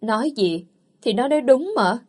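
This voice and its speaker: A man's voice: very high-pitched, animated, normal speed, darkish tone, pitched above the performer's own voice. A woman reading the part of a sly young man who teases and gloats, in a lazy, taunting way. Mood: teasing. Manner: lazy, teasing.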